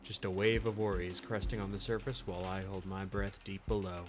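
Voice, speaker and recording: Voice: low voice, level tone, fairly quick, noisy background, voice pushed down, close to an everyday voice. A live streamer voicing a weary, hard-boiled defense attorney, narrating in a dry noir voice-over. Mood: world-weary.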